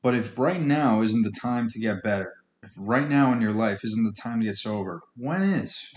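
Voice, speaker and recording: A man's voice: lowish voice, normal speed, roomy sound. A man hosting a podcast on his own, giving a blunt, earnest, informal motivational monologue with colloquial phrasing and swearing. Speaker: podcast host speaking on addiction recovery.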